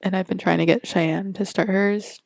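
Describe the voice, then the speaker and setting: A woman's voice: medium pitch, fairly even intonation, normal speed, creaky, a little mellow, no room sound, clean studio sound. A young woman co-hosting a podcast, laid-back and hesitant, with many ums. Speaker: podcast co-host. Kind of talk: casual chat.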